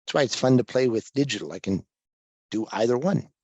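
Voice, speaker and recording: A man from Kansas giving a relaxed slide talk to a live audience on a microphone that pops, thinking aloud with small restarts. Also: medium pitch, a little fast, husky, no room sound, highs cut off. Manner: easygoing and self-deprecating, thinking aloud with restarts. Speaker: guest presenter at a photography talk. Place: library meeting room. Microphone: handheld or stand microphone with popping plosives.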